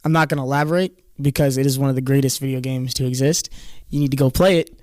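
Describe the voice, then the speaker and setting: An excitable young man in a casual podcast chat, talking eagerly. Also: medium pitch, quick pace, no echo, studio quality. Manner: excitable, enthusiastic about games. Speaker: podcast co-host.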